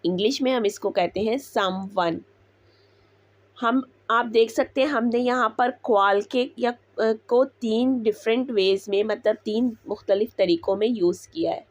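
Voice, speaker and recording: A woman teaching Italian words, repeating each one slowly before explaining it. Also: a little high, no room sound. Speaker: language teacher. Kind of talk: slow Italian vocabulary lesson.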